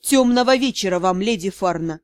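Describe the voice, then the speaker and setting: A cold, commanding nobleman, voiced by a woman reading a storybook, pitched well below her own voice. He speaks with icy, unhurried politeness and never raises his voice. The sound is dry and close. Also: animated, no room sound, close to an everyday voice. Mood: icy polite. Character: cold, commanding aristocratic lord, a male academy director. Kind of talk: audiobook character voice.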